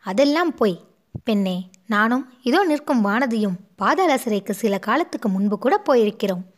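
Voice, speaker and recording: A woman's voice: on the high side, lively intonation, moderate pace. A woman voicing a composed royal princess who speaks firmly but soothingly, in a storybook reading. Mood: calm. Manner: firm yet gently soothing. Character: composed royal princess, elder-sister manner.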